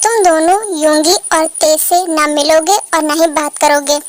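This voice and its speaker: A woman's voice: high voice, steady tone, a little slow, dry recording. A woman voicing a strict father who sets hard conditions for his teenage children in a fan dub. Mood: stern. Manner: stern, reproachful. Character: strict father of two teens, hurt and demanding.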